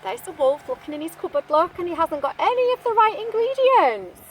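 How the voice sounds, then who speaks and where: Reading a picture book aloud to young children, a teacher-like woman performs expressively, adding chatty asides and questions for her listeners. Her voice is very high and very animated, and she talks a little fast. There's a slight hiss or hum.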